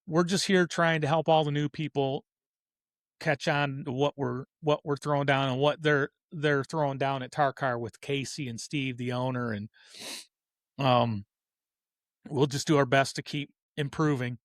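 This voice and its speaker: In a steady, mid-range voice that runs a little slow, a man in his fifties hosting a hobby racing show shares casual, opinionated thoughts, rambling earnestly and correcting himself. The sound is dry and studio quality.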